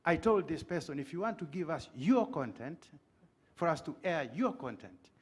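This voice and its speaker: A man's voice: on the high side, animated, normal speed, husky. A middle-aged man putting an earnest, pointed question to a conference panel from the floor. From Tanzania. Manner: earnest, pointed, makes a case with stories. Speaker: audience member asking a question.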